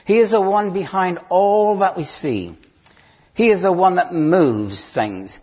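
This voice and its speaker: A man delivers a sermon in a church, earnest and a little halting, leaning hard on key words. His voice sits fairly high and has a husky edge. The recording is dull and lo-fi. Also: lively intonation, darkish tone. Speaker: preacher. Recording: dull, lo-fi sound.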